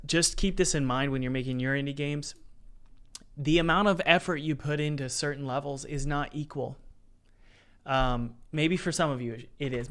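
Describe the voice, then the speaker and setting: A man's voice: mid-range voice, a bit bright, clean tone. A man streaming his game development work, chatting casually and thinking aloud as he edits sounds and reads chat. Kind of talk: casual live-stream chat while working.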